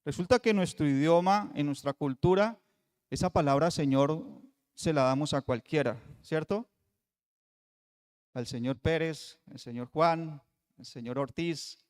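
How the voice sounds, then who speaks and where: A man preaching a Bible study sermon, with rhetorical questions and emphatic pauses. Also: on the high side, darkish tone. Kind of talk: radio sermon teaching. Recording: long hall reverb.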